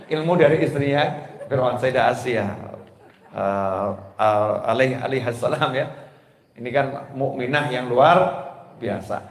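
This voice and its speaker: A man's voice: mid-range voice, measured pace. A man preaching a casual, humorous sermon, telling stories and jokes to a gathering. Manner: joking, conversational, lively storytelling. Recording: echoey hall with long reverb.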